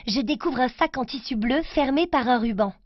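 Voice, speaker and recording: A woman reading a children's story aloud, slowly and clearly, in a careful reading voice for children. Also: sits high, no echo, highs cut off.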